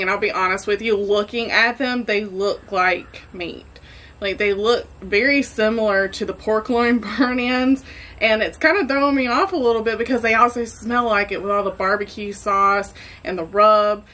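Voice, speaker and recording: A woman's voice: medium pitch, moderate pace, sharp tone, rough recording. Chatty woman hosting a cooking vlog. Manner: chatty and enthusiastic. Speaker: barbecue cooking host. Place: home kitchen.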